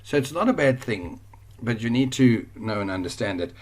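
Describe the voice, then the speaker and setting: A man with a South African accent teaches an online course over screen share, speaking at a normal speed in a medium-pitched, animated voice. He's chatty and rambling, often correcting himself.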